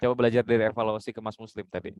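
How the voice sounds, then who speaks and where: A man's voice: on the low side, level tone, very fast, a little mellow, dry recording. A man mentoring journalism students, giving direct, instructive feedback and demonstrating intonation himself. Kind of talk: coaching critique.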